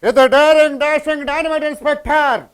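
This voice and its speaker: A man in a comedy skit playing an eager would-be mimicry artist who bursts into loud, shouted movie-hero dialogue. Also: very high-pitched, fairly even intonation, quick pace, soft background music.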